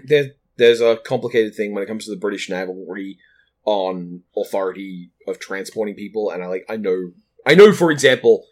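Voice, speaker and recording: A man's voice: fairly low pitch, moderate pace, darkish tone. A man co-hosting a casual film review podcast, joking and rambling with some swearing. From Australia. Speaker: podcast co-host.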